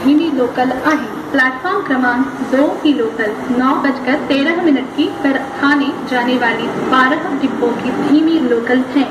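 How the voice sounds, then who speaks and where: A woman making a recorded train platform announcement over a station public-address loudspeaker, in a slow, measured, formal manner. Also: high-pitched. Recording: echoey loudspeaker from far off, loud crowd and train noise. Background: crowd chatter and trains.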